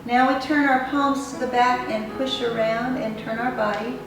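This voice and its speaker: A woman leading guided tai chi as an instructor, giving step-by-step movement directions in unhurried, measured phrases. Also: a little high, fairly even intonation. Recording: very echoey room, distant mic, music behind.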